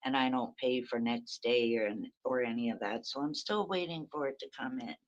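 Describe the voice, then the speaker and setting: Streaming from her phone early in the morning, a woman with a very raspy, rumbling low voice hosts a rambling, chatty livestream and greets viewers by name. She talks at normal speed, and the recording sounds muffled.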